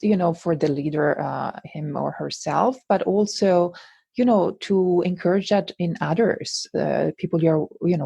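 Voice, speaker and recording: A woman's voice: low-pitched, vocal fry, dark tone, breathy edge, dry recording. A woman from Switzerland with a Swiss Italian accent, a guest coach in an interview, talking thoughtfully with many fillers and restarts. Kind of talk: interview conversation.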